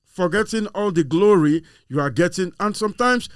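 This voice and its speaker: A man's voice: high-pitched, normal speed, no room sound, clean studio sound. A man in a casual discussion, speaking earnestly and reflectively with some fillers. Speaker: show guest.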